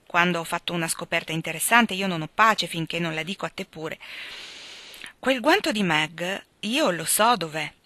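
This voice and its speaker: Woman voicing a good-natured teasing teen boy in a storybook reading; low-set, bright, playful. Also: expressive, moderate pace, no room sound.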